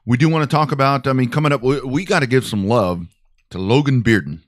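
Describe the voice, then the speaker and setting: A man's voice: mid-range voice, fast, no room sound, studio quality. A man hosting a casual sports talk show, loose and rambling, laughing as he talks. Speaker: podcast host.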